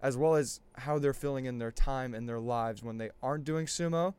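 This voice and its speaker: A man hosts a podcast in a smooth, resonant voice. He talks with energy and rambles a little. His chat with the guest stays casual. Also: medium pitch, moderate pace, a little mellow, no room sound. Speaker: podcast host.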